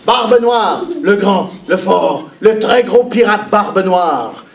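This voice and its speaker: An actor with a Québécois accent playing a playful, boastful pirate who talks with the children in a live stage show. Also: male voice, sits high, lively intonation, slow pace, gravelly, a crowd in the background, heavily acted. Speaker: children's entertainer. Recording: echoey hall, mic far off, background noise.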